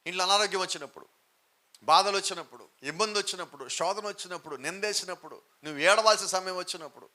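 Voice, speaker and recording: A man's voice: high-pitched, quick pace, pushed and bright. A man preaching a sermon with emphatic rhetorical questions, now and then mixing in English phrases. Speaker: pastor.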